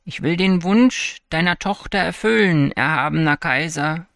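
A man's voice: fairly high pitch, unhurried, gravelly, fairly bright tone, no room sound, clean studio sound. A man voicing a mysterious old man in a fairy tale with a trembling voice. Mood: solemn. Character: mysterious old man, gentle then stern.

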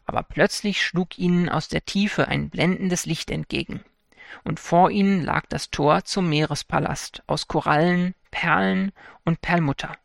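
A man narrating a fairy tale for an audiobook in a calm, measured storytelling manner. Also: on the high side, vocal fry, no room sound, clean studio sound.

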